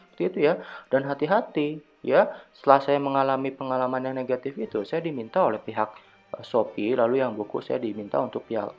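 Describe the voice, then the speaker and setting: A man's voice: mid-range voice, dull audio. A male university lecturer giving a recorded online lecture in a conversational way, full of fillers and rhetorical questions.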